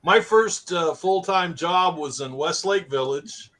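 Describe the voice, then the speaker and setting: A man's voice: fairly high pitch, animated, slow pace, fairly bright tone. A middle-aged man telling rambling stories in a casual chat, laughing often.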